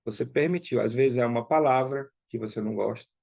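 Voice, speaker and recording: A man teaching an online workshop in a casual, conversational way, often checking in with quick tag questions. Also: medium pitch, vocal fry, a little mellow, dry recording. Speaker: workshop instructor. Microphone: online call mic. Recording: dull, dry lo-fi sound.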